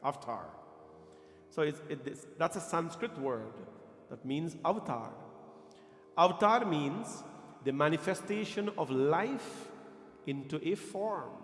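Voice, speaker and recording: A man's voice: on the high side, a bit bright. Guyanese man preaching in an echoey hall. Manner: emphatic, deliberate phrasing with questions to listeners. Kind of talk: religious discourse to a congregation. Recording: echoey hall, long reverb, faint music.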